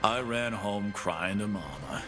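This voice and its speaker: These video game voice lines come from an actor playing a boastful half-beast fighting-pit boss, all cocky swagger and tough-guy taunts, set against game music. He speaks at a fairly low pitch, expressively and at a measured pace.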